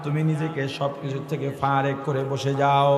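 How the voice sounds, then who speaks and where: A man preaching a sung sermon at a religious gathering. He moves between slow, drawn-out speech, chanting and loud calls. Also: mid-range voice, completely flat delivery, crowd noise. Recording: echoey hall with music behind.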